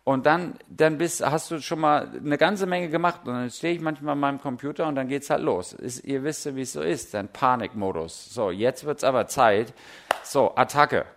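Speaking at an ordinary pace in a mid-range voice, this middle-aged preacher keeps his sermon conversational and energetic. He leans on stories from daily life and puts questions directly to the congregation.

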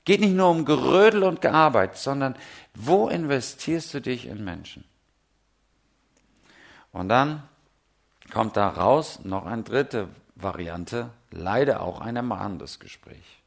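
A man's voice: medium pitch, lively intonation, slow, vocal fry. A middle-aged man preaching a sermon, telling humorous, self-mocking stories and putting direct questions to the congregation.

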